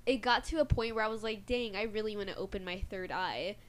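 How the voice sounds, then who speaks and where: A woman's voice: mid-range voice, fast. A young woman, a guest, telling a personal story in casual chat, rambling with many fillers.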